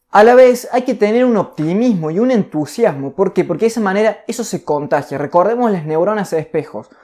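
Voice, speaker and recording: A man teaching a recorded online course on communication. He speaks deliberately, speeding up, slowing down and raising and lowering his pitch to demonstrate his points. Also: dark tone.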